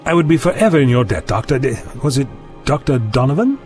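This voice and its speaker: An actor playing an eccentric, observant and courteous time-travelling doctor in an audio drama, with a theatrical, polite way of explaining. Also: male voice, mid-range voice, sing-song, fast talker, a little mellow, soft background music, close to an everyday voice. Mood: concerned, insistent.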